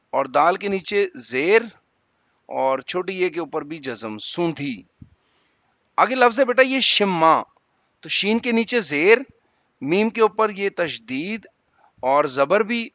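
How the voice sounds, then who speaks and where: A man's voice: sits high, a bit bright, no echo. A male teacher patiently explaining exam answers to students, spelling out vowel marks letter by letter.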